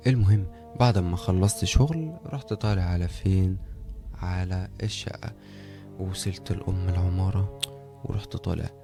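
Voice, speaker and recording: A young Egyptian man with an Egyptian Arabic accent, telling a first-person horror story in a casual, animated way and acting out the dialogue. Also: low-pitched, moderate pace, creaky, long pauses, music in the background. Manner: conversational, animated, acts out dialogue.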